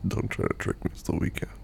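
A man in an intimate audio roleplay, sleepy and hungover, murmuring and whispering softly as if half asleep. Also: low-pitched, little pitch movement, normal speed, gravelly, a little hiss or hum.

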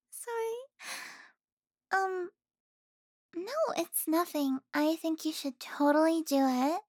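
A young woman playing an affectionate, teasing girlfriend in an intimate audio roleplay, speaking softly with sighs and giggles. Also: extremely high pitch, expressive, slow, pauses often, dry recording, studio quality, full character voice.

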